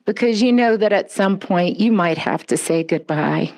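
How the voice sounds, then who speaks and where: A woman giving a heartfelt address at a pet memorial ceremony, speaking in a gentle, consoling way with soft pauses. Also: medium pitch.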